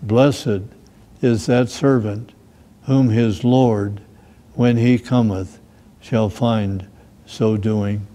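Slow, mellow-voiced older American pastor. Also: male voice, lowish voice, steady tone. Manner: slow, measured reading of scripture and verse. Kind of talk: sermon with scripture reading and prayer. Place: small church room with plants behind.

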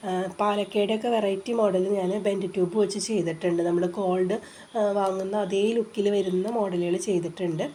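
A woman's voice: medium pitch, steady tone, brisk, mellow. A woman hosting a casual craft tutorial, explaining each step patiently and chattily with frequent filler sounds, her voice stuffy and congested from a cold. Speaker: craft channel host. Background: rain outside.

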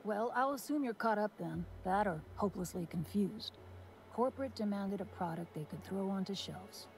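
An actress playing a bitter, sarcastic former testing supervisor in a video game, with a dry, world-weary delivery. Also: female voice, mid-range voice, lively intonation, normal speed, darkish tone, close to an everyday voice. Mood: sardonic. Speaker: game character.

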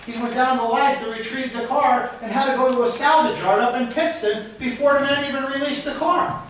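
A very high-pitched middle-aged man delivers an angry public comment to a city council, talking a little fast as he loudly accuses members and insults them out of frustration. Filmed from the audience on a far-off handheld camera, the large council chamber echoes and carries a faint hiss.

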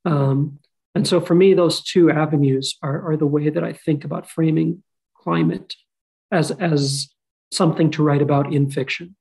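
A man's voice: fairly high pitch, steady tone, normal speed, creaky, darkish tone, husky, low-quality recording. A man who grew up in Qatar, speaking as an author on a panel over a video call, thoughtful and self-deprecating. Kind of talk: panel discussion. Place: home room. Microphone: video call webcam.

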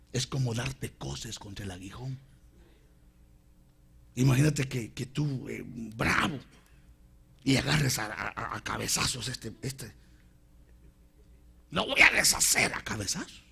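A man preaching a sermon, calling his listeners brother and swinging between shouts and whispers. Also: mid-range voice, animated, measured pace, creaky, long pauses, husky. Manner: addresses listeners as hermano.

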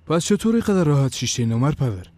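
A man's voice: a little high, big pitch swings, a little mellow. A man dubbing a worried grown son who earnestly pleads with his father. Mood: pleading. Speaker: dubbing actor. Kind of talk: dubbed TV drama.

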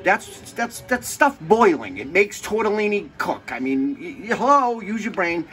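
A man's voice: high-pitched, big pitch swings, moderate pace, a bit bright, faint music behind, rough recording. A man hosting a casual cooking show, rambling and joking as he cooks, swearing freely and drifting off into stories. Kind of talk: casual cooking demonstration chat.

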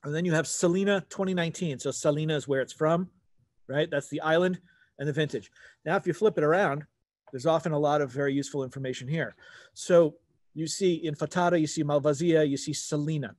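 A man's voice: on the high side, fairly quick, a little mellow, dry recording. A man in his forties giving a casual, explanatory wine talk, rephrasing as he goes like a conversational teacher. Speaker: wine webinar presenter. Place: outdoors at a garden table.

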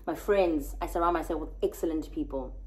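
A woman in her twenties vlogging casually to a phone camera in a hotel room, chatty and animated, with bursts of excitement. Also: low-pitched, a little fast, rough recording. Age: 20s. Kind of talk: casual vlog chat to camera. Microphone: phone camera at arm's length.

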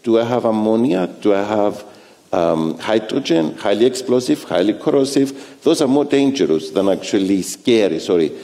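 A man's voice: fairly low pitch, expressive, normal speed, dark tone. A man in his sixties, a ship designer on a conference panel, answering with emphatic, insistent points into a headset mic. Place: large stone-walled conference hall. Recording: long hall reverb.

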